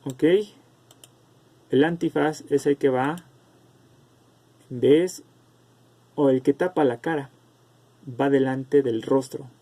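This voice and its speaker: Slow, gravelly male teacher on a video call. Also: medium pitch, steady tone, mellow. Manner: explains slowly, calls on students by name. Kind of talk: online class lecture.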